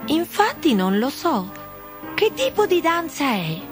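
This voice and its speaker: A woman's voice: high-pitched, big pitch swings, slow pace, music in the background, voice pushed up, heavily acted. A woman voicing a curious, polite young girl who asks many questions.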